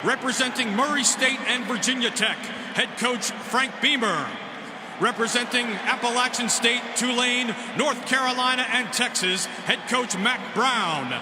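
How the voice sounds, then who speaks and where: A man making formal, booming stadium announcements over an echoing PA, drawing out each introduction. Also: measured pace. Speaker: stadium public address announcer. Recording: echoing stadium PA, loud crowd noise.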